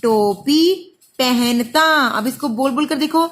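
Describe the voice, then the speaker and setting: A woman's voice: sits high, slow. A woman teaching young children, patiently stretching words out sound by sound as she spells them. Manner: patient, stretches out sounds syllable by syllable, calls listener "beta". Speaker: primary school teacher.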